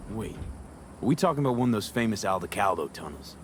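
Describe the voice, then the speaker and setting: A street-smart mercenary man in a video game. He speaks low, in terse, wary questions. A light rumble of vehicle ambience is behind him. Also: big pitch swings, brisk.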